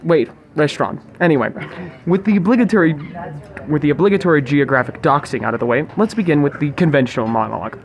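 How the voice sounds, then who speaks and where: A young man hosts a podcast inside a sushi restaurant, speaking in a mock-formal, grandiose, wordy scripted style as diners chatter around him. His voice is on the high side, quick, with lively intonation.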